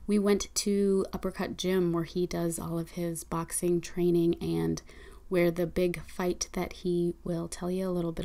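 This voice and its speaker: A woman hosting a podcast, reading listener reviews and introducing the guest in a friendly, unhurried way with occasional ums. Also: fairly low pitch, gravelly, mellow. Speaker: podcast host.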